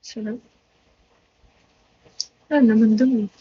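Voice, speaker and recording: Chatty young woman livestreaming, high voice. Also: steady tone, takes it slowly, slight background noise. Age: young adult. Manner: chatty, greets and answers viewers, mixes in English phrases. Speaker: livestream host. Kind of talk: casual live-stream chat. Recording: dull lo-fi livestream audio.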